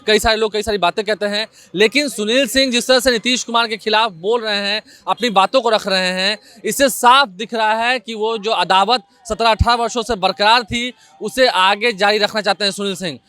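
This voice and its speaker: A male news reporter speaks outdoors on location in a high, bright, forceful voice. He delivers the report emphatically and keeps firing rhetorical questions at the viewer. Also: steady tone, brisk, hardly any pauses. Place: outdoors in front of an office building.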